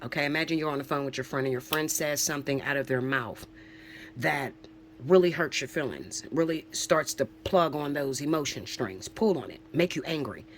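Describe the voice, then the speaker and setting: This spiritual vlogger, a woman in her forties, has a deep voice and a moderate pace, with slight background noise behind her. She addresses viewers casually but emphatically, preachy and profane, regularly checking in with "okay?".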